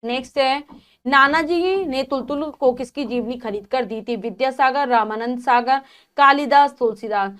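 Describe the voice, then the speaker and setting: A woman's voice: high-pitched, normal speed, fairly bright tone. A woman teacher patiently reading and explaining a textbook lesson, retelling the story in her own words.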